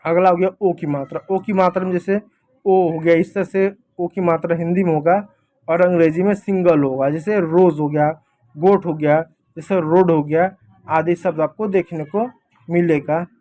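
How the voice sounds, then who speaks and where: A man's voice: fairly high pitch, fairly even intonation, normal speed, warm tone. A man teaching a simple lesson in a casual classroom manner, explaining step by step and checking in with "thik hai" often.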